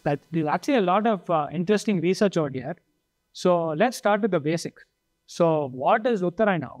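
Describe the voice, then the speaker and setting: A man's voice: high voice, no echo. A man in his twenties with an Indian accent explaining things didactically, posing questions and then answering them. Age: 20s. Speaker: podcast panelist. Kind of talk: explanatory talk. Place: indoor meeting room. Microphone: lapel mic.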